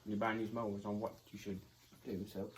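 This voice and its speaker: A young man giving a casual how-to to camera, halting as he searches for words. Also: fairly low pitch, little pitch movement. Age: young adult. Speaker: video host. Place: garage, phone on tripod a few feet away. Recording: clearly noisy garage phone recording.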